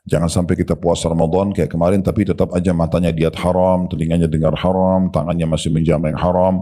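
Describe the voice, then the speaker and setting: Male preacher, low voice, dark tone, repeats key phrases, sudden high-pitched stress, slow deliberate stretches. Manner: slows right down to model calm step-by-step prayer. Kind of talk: religious lecture to a congregation.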